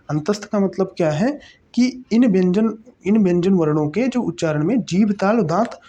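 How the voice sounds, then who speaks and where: A medium-pitched voice, warm with a breathy edge, belongs to a teacher running an exam-prep grammar lesson. They explain things step by step, pose questions and answer them themselves, and check in often. Terms get repeated frequently.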